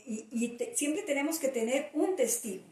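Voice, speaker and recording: A middle-aged woman pastor preaches with emphasis and repeats key lines. Her voice sits high. The sound is roomy and picked up from a distant mic. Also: moderate pace, warm tone. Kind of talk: preaching talk.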